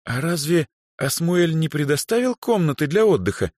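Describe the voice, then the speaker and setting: A man voicing a shy but proud young dark elf girl in an audiobook, talking hesitantly, then haughtily, in a much higher voice. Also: sing-song, moderate pace, dry recording, studio quality. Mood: haughty.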